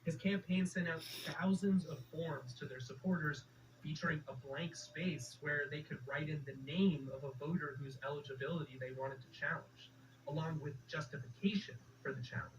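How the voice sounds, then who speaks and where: A man reporting and co-hosting a public radio program in a measured, clear storytelling delivery. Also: a little high, steady tone, far from the mic, a little hiss or hum, poor audio. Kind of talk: scripted public radio narration.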